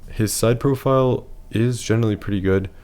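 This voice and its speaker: Male presenter with a deep, hoarse voice, for a plain analytical voice-over. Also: fairly quick, darkish tone. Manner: matter-of-fact, rating things one by one. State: losing his voice.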